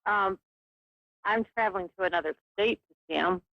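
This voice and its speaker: A woman's voice: medium pitch, moderate pace, dry recording. A woman calling in on a clipped phone line that keeps cutting out, talking in a hesitant, apologetic way. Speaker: caller. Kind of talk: call-in chat over the phone. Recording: dull, dry, breaking-up phone line.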